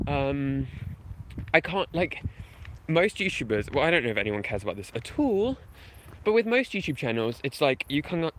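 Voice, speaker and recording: The recording has a little hiss or hum as a video game history YouTuber strolls outdoors at night, casually talking with stream viewers. He rambles, puts himself down, and uses plenty of fillers, his mid-range voice fairly bright in tone.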